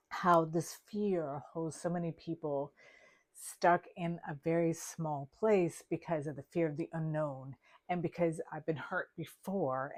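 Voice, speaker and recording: A woman in her fifties with a notably low voice co-hosts a relaxed podcast conversation. She talks in a reflective, easygoing way and laughs often. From Denmark. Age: 50s. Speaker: podcast co-host, therapist. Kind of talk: casual chat.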